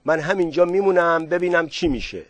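A man's voice: on the high side, pitched above the performer's own voice, lightly acted. A man voicing a stubborn, matter-of-fact village man. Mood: firm.

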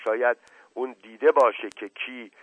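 A man voicing an agitated, paranoid older male head of the family who shouts orders. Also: mid-range voice, steady tone, breathy edge, no room sound. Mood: commanding. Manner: shouting, commanding. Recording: dry tinny radio recording.

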